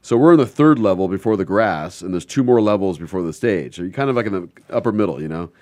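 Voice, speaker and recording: Low-voiced middle-aged guy hosting, rambly story mode, dry close sound. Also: animated, quick pace, a little mellow, dry recording. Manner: rambling storyteller, laughs often. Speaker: host. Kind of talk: casual chat.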